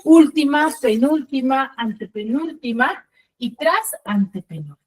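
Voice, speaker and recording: A woman's voice: high voice, expressive, unhurried, a little mellow, slightly rough. A woman teacher giving an online class over a video call, often checking in with short questions to her pupils.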